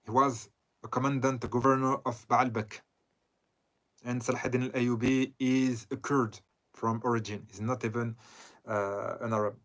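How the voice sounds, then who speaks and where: A man from southern Lebanon giving a lecture on a text, talking in a halting way with frequent pauses and self-corrections. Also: medium pitch, flat delivery, fairly bright tone. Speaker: Islamic scholar lecturing. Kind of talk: lecture commenting on a read text.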